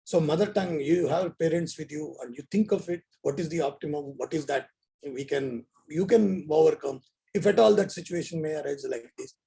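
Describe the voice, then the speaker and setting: A man's voice: on the high side, brisk, gravelly, mellow, husky, rough recording. A middle-aged man with an Indian accent, giving an informal online lecture in an earnest, rambling, repetitive way. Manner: earnest, rambling, repeats phrases. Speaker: professor giving a talk.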